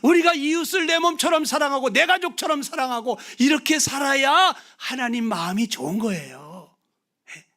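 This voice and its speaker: A man preaching a revival sermon, swinging from loud exclamations to hushed whispers and prodding the audience with questions. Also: extremely high pitch, animated, moderate pace. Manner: prods the audience with questions and tag words. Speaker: guest preacher at a revival meeting.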